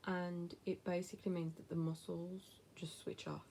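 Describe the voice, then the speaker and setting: A West Midlands-accented woman from England, in her thirties, gives blunt, casual answers to viewer questions on camera, whispering the odd aside. Her fairly low voice is warm and level, she speaks at a normal speed, and there's slight hiss or hum.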